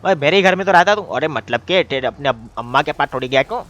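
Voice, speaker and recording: A man streaming a game role-play, loud and bossy, teasing and shouting at his friends. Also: on the high side, lively intonation, quick pace, muffled recording.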